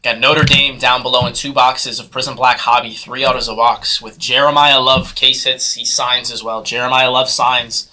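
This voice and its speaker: A man hosting a live sports card break, calling auction bids in hyped, fast patter. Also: medium pitch, little pitch movement, bright, forceful tone, slight background noise. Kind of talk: live sales commentary.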